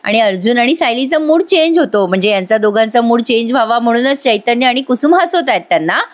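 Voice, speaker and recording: A woman's voice: fairly high pitch, lively intonation, fast. A woman narrating a voice-over recap of a TV serial, chatting with her viewers and acting out the characters' lines. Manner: retells scenes and acts out each character's lines; chatty, addresses viewers directly. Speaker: TV serial reviewer.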